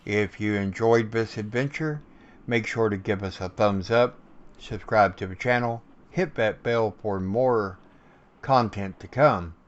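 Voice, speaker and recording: A man's voice: on the low side, a little slow, highs cut off. A man narrating a scripted promotional video as its host.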